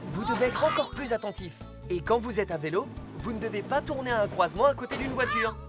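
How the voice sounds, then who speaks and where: A man voicing an earnest young male robot police car who leads rescues and explains clearly, in a French children's cartoon dub. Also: very high voice, animated, fast talker, over loud music. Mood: instructive, firm.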